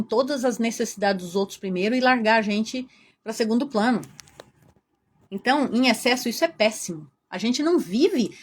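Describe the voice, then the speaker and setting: Chatty Brazilian woman teaching a workshop. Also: fairly high pitch. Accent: Brazilian Portuguese. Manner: lively, chatty, addresses the audience directly.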